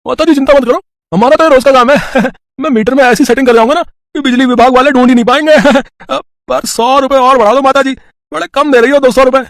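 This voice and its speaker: Man doing a high wheedling electrician. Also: steady tone, fairly quick, no room sound, clean studio sound. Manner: wheedling, laughing. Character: greedy cheerful young male electrician.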